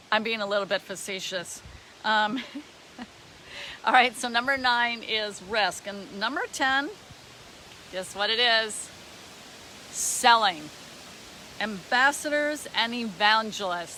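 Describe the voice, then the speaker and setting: A woman's voice: medium pitch, sharp tone, slight background noise. A woman mentor running a live-streamed coaching session, chatty with her viewers and counting items aloud under her breath. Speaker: business mentor.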